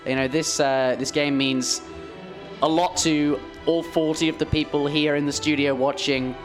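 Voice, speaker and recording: With music underneath, a man commentates a live esports match from a studio in a slightly high, level voice at a moderate pace. Days of casting have left him sounding strained, but he stays chatty, reading viewer messages aloud.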